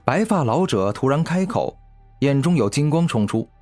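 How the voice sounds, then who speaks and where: A male audiobook narrator telling a fantasy story with expressive delivery. His pitch moves lively across a mid range. Faint music plays beneath the narration. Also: normal speed. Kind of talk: web novel narration.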